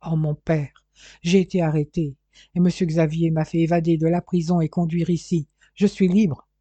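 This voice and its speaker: A man's voice: on the high side, flat delivery, moderate pace, dark tone, no echo, dull audio, natural voice. A man reading an audiobook, voicing an earnest, frightened young woman who pleads. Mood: pleading.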